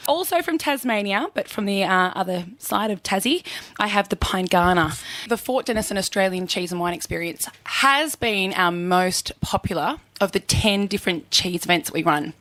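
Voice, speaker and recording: A woman's voice: medium pitch, expressive, moderate pace, fairly bright tone, dry recording. Passionate female cheesemonger. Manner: passionate, explanatory. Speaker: cheesemonger guest. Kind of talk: casual radio chat.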